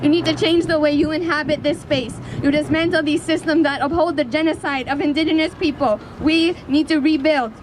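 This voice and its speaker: A woman giving a prepared speech as an activist at a rally, speaking in an earnest, impassioned, deliberate way. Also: high-pitched, fairly even intonation. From Canada. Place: outdoors in a city square. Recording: outdoor public square with city traffic noise.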